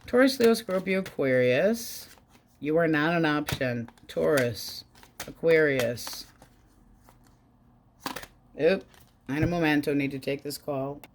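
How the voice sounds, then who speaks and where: A woman giving a casual tarot reading, talking bluntly and chattily, swearing now and then and jumping up in pitch. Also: animated, slow pace, pauses often, a little hiss or hum. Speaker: tarot reader.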